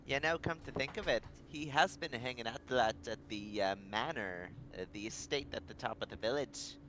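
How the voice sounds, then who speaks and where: A man's voice: mid-range voice, brisk, a bit bright, a little hiss or hum, lightly acted. Man putting on a folksy old innkeeper lady. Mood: musing. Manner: old-timey folksy drawl. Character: elderly female innkeeper, grandmotherly, folksy.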